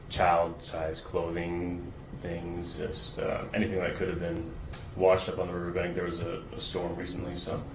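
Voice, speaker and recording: Deep-voiced man in a courtroom recording. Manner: halting, with many fillers and restarts. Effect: played from a courtroom recording. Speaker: search and rescue agent testifying as a witness. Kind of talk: courtroom testimony, answering questions. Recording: roomy courtroom recording with background noise.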